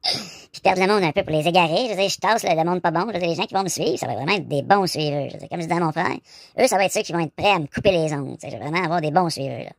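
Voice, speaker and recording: Fast-talking Québécois man, chatty. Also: a little high, gravelly, no room sound, studio quality. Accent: Québécois French. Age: 40s. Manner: rushed, chatty, full of filler tags. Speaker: YouTuber on a phone call. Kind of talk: casual phone chat.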